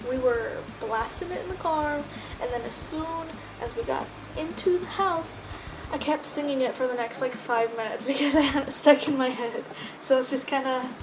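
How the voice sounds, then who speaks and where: At home with background noise, a young adult woman from Texas talks to her camera in a get-to-know-me video. Her high voice carries a light, mildly Texan American accent as she rambles casually and laughs a lot.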